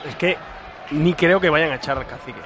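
A man with a Spanish accent from Spain analysing a live football match in a halting, exasperated way, repeating words. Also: fairly high pitch. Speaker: football pundit. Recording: noisy stadium commentary position. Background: crowd and ambient noise.

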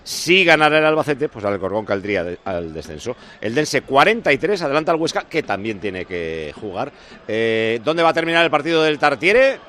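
A man's voice: medium pitch, very animated, brisk, a bit bright, a little hiss or hum. A man with an accent from Spain anchoring a live football radio show, bantering with reporters. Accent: Spanish from Spain.

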